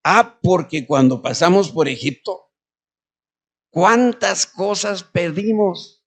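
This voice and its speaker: A man preaching a sermon in church as pastor, asking the congregation questions and moving between loud and quiet delivery. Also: sits high, slow pace.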